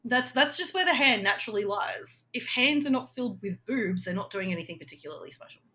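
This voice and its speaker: A woman's voice: on the high side, expressive, a little fast, pushed and bright. A woman co-hosting a casual podcast chat, frank and full of fillers. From Australia. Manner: chatty, filler-heavy, frank. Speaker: podcast co-host.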